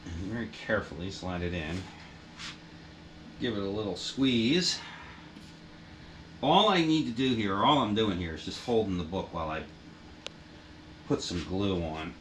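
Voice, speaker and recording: With a heater blowing wind noise into the mic and a printer running nearby, a man talks through his bookbinding at home. He's a hobbyist vlogger giving casual workshop how-to narration, rambling and cursing with self-deprecating asides. His deep voice moves at normal speed with frequent pauses.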